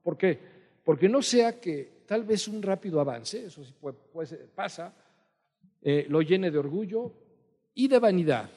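A man's voice: high-pitched, animated, measured pace, mellow. A middle-aged man preaching a sermon as pastor, earnest and emphatic, repeating key lines for weight. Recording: long hall reverb.

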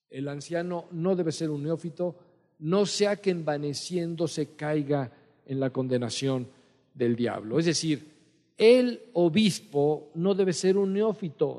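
A middle-aged male pastor delivers an earnest, emphatic sermon, circling back to repeat his key lines. His voice sits a little high for a man. The sound rings with the long reverb of a large hall. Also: darkish tone. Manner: earnest, emphatic preaching with repetitions.

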